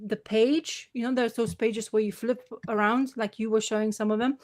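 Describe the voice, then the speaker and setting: Eager woman with a higher voice, video call. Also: steady tone, a little mellow. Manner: enthusiastic, halting, restarts phrases. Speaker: co-host. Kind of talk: casual livestream chat.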